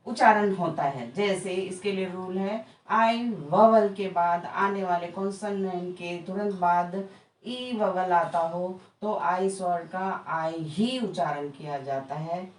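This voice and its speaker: A woman teaching pronunciation in a slow lesson, explaining rules step by step and repeating example words one at a time. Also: mid-range voice. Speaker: English teacher. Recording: echoey room, from a distance, faint background noise.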